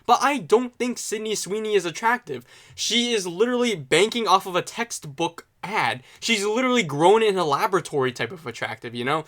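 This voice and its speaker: A man's voice: sits high, animated, a little fast, few pauses, a bit bright. A young man giving a casual, rambling opinion monologue as a YouTube commentator, sarcastic and self-mocking.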